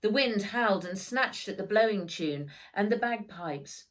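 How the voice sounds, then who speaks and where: The author of a children's storybook reads it out in a lively, expressive way, leaning into dramatic moments. Her voice sits in the middle range and keeps a measured pace.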